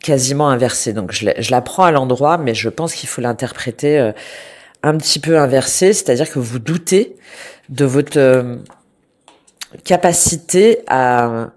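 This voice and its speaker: Her pitch is extremely low and her pace unhurried as she reads tarot for her audience. A cold leaves her slightly stuffy, and she hesitates a lot, looping back with fillers and restarts while staying gentle and comforting.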